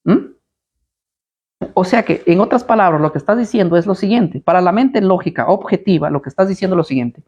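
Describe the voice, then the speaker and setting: A man's voice: high-pitched, a little fast, darkish tone, breathy edge, muffled recording. Combative man preaching with rhetorical questions. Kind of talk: live Bible study preaching.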